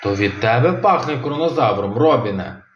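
A man voicing a calm, practical mother dinosaur who speaks matter-of-factly in an audio tale. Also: medium pitch, moderate pace, slight background noise, lightly acted. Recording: roomy, slightly dull home recording.

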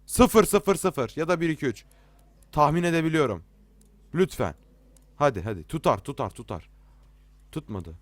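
A man's voice: on the high side, animated, moderate pace, long pauses, no room sound. A young man commenting as he plays a horror game, nervous and jittery, joking and swearing at every scare. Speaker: let's play gamer.

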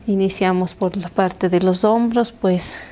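Young woman doing asmr massage talk, slow and mellow, soft intimate near-whisper, some room noise behind. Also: mid-range voice, fairly even intonation. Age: young adult. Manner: hushed, intimate, soothing soft-spoken delivery, dropping into whispers. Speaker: massage practitioner. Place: small living room, indoors.

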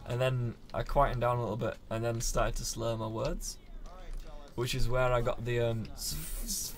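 A tipsy man commentating a shooter game with friends, goofy and prone to sudden shouts and quoted lines. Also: medium pitch, fairly even intonation, normal speed. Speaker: gameplay commentator. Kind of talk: drunken let's-play banter.

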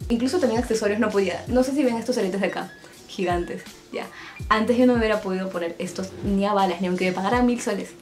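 A young woman with a Peruvian accent speaks in a casual, confessional vlog from her bedroom at home. She keeps up a chatty, confiding tone with joking asides as she paints her nails. Her pitch is average for a woman, and faint music plays underneath. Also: fast talker, a little mellow. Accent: Peruvian Spanish. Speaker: vlogger.

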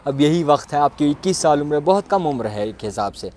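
A man's voice: on the high side, expressive, brisk, darkish tone, slight background noise. A young man interviewing a guest outdoors, asking formal, courteous questions and offering encouraging remarks.

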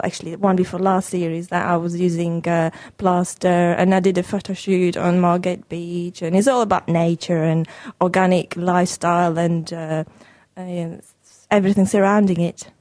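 A woman with a Slovakian accent answering as a guest in a radio interview, speaking haltingly as she searches for words. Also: on the low side, level tone, mellow, no room sound. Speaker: guest artist, painter and sculptor. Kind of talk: live radio interview chat.

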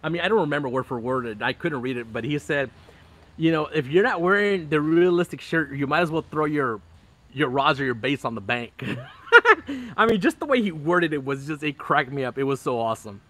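A middle-aged man who hosts a fishing channel chats casually on a live stream from his backyard, sitting outdoors under a canopy. His voice is on the high side, animated and brisk with a sharp tone, full of fillers, restarts and bursts of laughter. A phone camera picks him up close.

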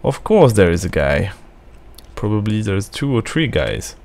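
Slow, gravelly man muttering game commentary. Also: on the low side, sing-song, darkish tone. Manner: anxious, muttering to himself. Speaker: gaming video host. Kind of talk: casual gameplay commentary.

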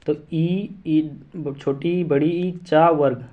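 A man's voice: fairly high pitch, fairly even intonation, takes it slowly, phone-quality sound. A man teaching an exam-prep lesson, repeating syllables and memory rhymes aloud to drill them in.

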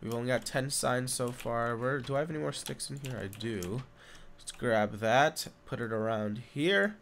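A man's voice: medium pitch, moderate pace, gravelly, a little hiss or hum. Sick young man rambling through gameplay. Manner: rambling, filler-heavy, easily excited. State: sick, stuffy nose. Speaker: gaming YouTuber. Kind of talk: casual Minecraft let's play commentary. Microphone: condenser desk mic.

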